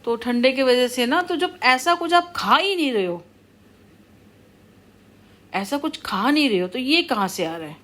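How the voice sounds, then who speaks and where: A middle-aged woman speaks to her viewers in a loose, unscripted monologue. Her voice sits a little high, and she scolds, rambles and circles back to the same warnings again and again. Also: expressive, unhurried, pauses often, a bit bright. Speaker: vlogger. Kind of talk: casual monologue to camera.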